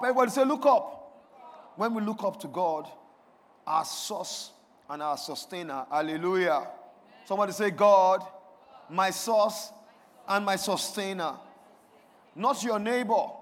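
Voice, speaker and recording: A man's voice: high-pitched, a bit bright. A man preaching a sermon to a congregation, leading call-and-response and swelling into emphatic declarations. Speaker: pastor. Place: church sanctuary. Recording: long reverb of a large hall.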